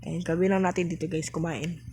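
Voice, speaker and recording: A woman giving casual, chatty commentary while playing a game, breaking into sudden high exclamations. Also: little pitch movement, quick pace, darkish tone, slight background noise, poor audio. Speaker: gaming vlogger.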